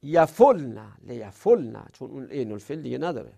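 A middle-aged man teaching Arabic grammar in a classroom lesson, drilling verb conjugations and trailing off quietly at the ends of lines. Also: medium pitch, big pitch swings, vocal fry.

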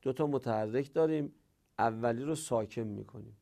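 A man's voice: medium pitch, creaky, warm tone. A male teacher explaining Arabic grammar rules step by step, posing questions and then answering them himself.

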